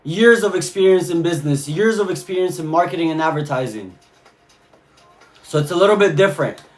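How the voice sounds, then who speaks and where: With lively intonation and a fairly high pitch, this Cuban man talks a little fast on a live stream while soft music plays. He goes through chat messages, replies to his viewers informally, and repeats his phrases frequently.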